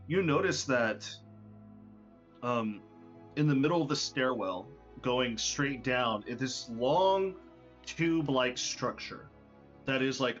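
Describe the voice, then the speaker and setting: A man's voice: medium pitch, a bit bright. A man narrating a tabletop game as game master, descriptive and full of "um" and "like". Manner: descriptive, hesitant with many fillers. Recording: lo-fi online voice call.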